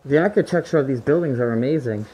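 A young adult urban explorer talks fast in a mid-range, slightly rough voice, the recording muffled. Using a handheld camera inside a large abandoned resort, he casually narrates and speculates about what the rooms used to be, plainly impressed by little things.

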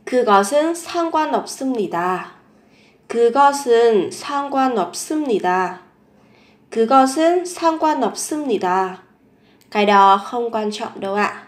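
A woman teaching a language lesson. She says each phrase several times, slowly and clearly, and then explains it. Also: on the high side, roomy sound.

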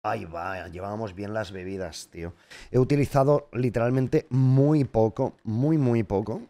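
A man's voice: on the low side, moderate pace, warm tone, dry recording. A young man, commenting live on his own gameplay, frustrated, swearing often and talking to the game. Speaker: gaming streamer.

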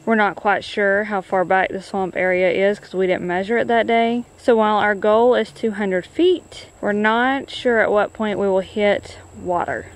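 A young woman talking casually to camera from a wooded rural clearing, chatty and plainspoken. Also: medium pitch, fairly even intonation, moderate pace, few pauses, slight background noise. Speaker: homesteading vlogger. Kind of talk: casual vlog talk to camera. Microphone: camera at arm's length.

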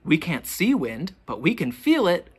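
Reading a picture book to kids, this teacher uses a medium-pitched, slightly husky voice with very swooping intonation. She is expressive and poses questions to the young children in a slow, deliberate manner.

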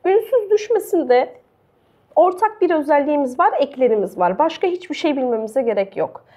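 A woman's voice: high voice, expressive, moderate pace, mellow. A woman teacher explaining a grammar lesson step by step and quizzing her co-host. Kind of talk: classroom-style grammar lesson.

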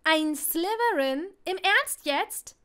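A woman putting on a shrill bossy teen girl. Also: moderate pace, close to an everyday voice. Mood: exasperated. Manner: sharp, loud, high-pitched outbursts. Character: fiery bossy teenage girl, blunt and shrill.

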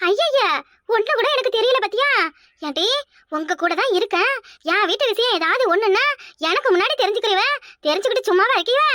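A shrill cartoon busybody of a big sister, acted by a woman, scolding and fussing. Her voice sits extremely high and comes out sharp and bright. It is recorded dry and close, with no room around it. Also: no room sound, full character voice. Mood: indignant. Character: scolding, nosy village elder sister, grown woman. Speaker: cartoon character. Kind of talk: cartoon voice acting.

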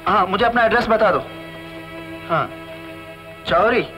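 A man's voice: sits high, measured pace, dull audio, soft background music. An actor in his thirties playing an earnest, concerned young police officer with urgent delivery in a film drama. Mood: reassuring urgency.

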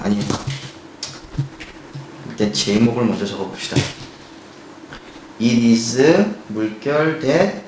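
A male teacher walks through an English grammar lesson at a measured pace. He asks his class rhetorical questions and reads the English examples slowly and carefully. The sound carries a roomy echo over a faint background hum. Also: medium pitch. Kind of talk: recorded grammar lecture.

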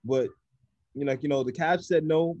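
A man's voice: a little high, fairly quick, darkish tone, no room sound, muffled recording. A man co-hosting a casual basketball podcast, talking in a laid-back, teasing way full of fillers. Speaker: podcast co-host. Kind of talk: casual sports chat.

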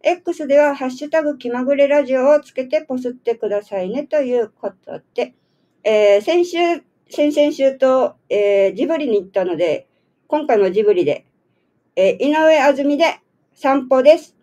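A woman's voice: high-pitched, expressive, moderate pace, warm tone, muffled recording. A woman hosting a community radio show in casual chat, a little nasal from a cold, laughing and teasing. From Okinawa, Japan. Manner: chatty, laughs often, teasing questions. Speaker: radio host.

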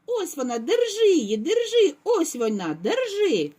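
A woman voicing a small boy bear cub in a squeaky, shrill voice while reading a storybook to children. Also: sing-song, unhurried, dark tone, full character voice. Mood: shrieking.

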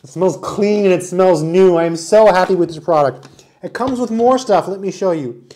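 A man's voice: high-pitched, normal speed, dark tone. A man in his forties doing a casual, enthusiastic product review, talking while he handles and demonstrates the item indoors. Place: small indoor room with wood-panel wall.

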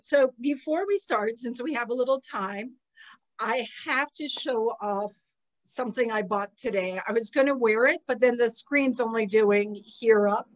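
On a laptop webcam video call, a somewhat sniffly psychic channel host chats casually from a terrace outdoors among potted plants. She speaks unhurriedly in a fairly high voice, laughing a lot and spinning lively stories. The sound is muffled.

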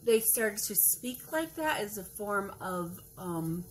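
Speaking slowly and animatedly in a mid-range voice, a Wisconsin-accented woman in her thirties rambles through a casual kitchen chat for her vlog, groping for words and correcting herself. A phone camera across the table catches it, and the rough recording has some hiss or hum.

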